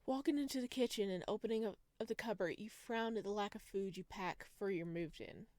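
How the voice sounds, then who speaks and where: A woman streamer with a mid-range, slightly mellow voice talks a little fast in a dry recording. She's doing a let's play, reading visual novel narration aloud, reacting to the story and tossing in chatty, casual asides.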